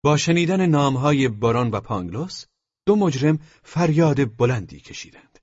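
Husky male audiobook narrator. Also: medium pitch, no echo. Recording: dull lo-fi dry recording.

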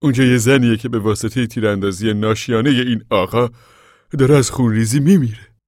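A man voicing a stubborn male preacher who gives urgent commands in a husky voice. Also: medium pitch, steady tone, darkish tone, no room sound, studio quality, pitched above the performer's own voice, lightly acted. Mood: blunt.

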